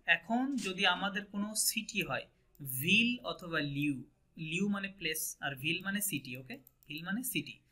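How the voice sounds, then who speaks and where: A man with a Bangladeshi Bengali accent leads a French lesson and keeps checking that his students follow. His voice is very bright and sits a little high. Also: expressive, a little slow. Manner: patient, asks checking questions often. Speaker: French teacher. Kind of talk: online language class.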